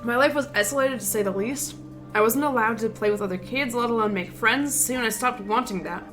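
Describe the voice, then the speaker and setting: A woman's voice: fairly high pitch, a little fast, close to an everyday voice. A woman voicing a timid, reclusive young woman who confides her painful past in a shaky, self-deprecating way, in a game. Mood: anxious confiding. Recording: game audio with loud music.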